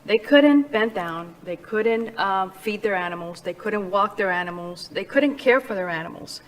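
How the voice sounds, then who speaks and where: A woman's voice: medium pitch, moderate pace, poor audio. A middle-aged woman from Cuba, a charity founder and interview guest, speaking earnestly and passionately about her work. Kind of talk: interview conversation.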